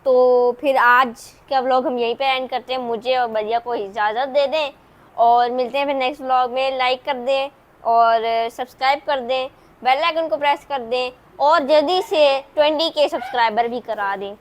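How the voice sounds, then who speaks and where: A woman's voice: high voice, moderate pace. A woman vlogging casually, coaxing and teaching in a playful manner like a teacher. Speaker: family vlogger. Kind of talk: casual vlog.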